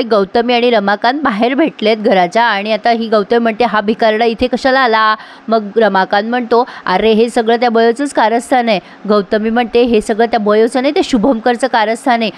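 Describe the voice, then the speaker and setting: A woman who has a heavy cold, retelling a TV serial episode in a chatty way, quoting each character's lines and talking straight to her viewers. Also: a little high. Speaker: TV serial recap narrator.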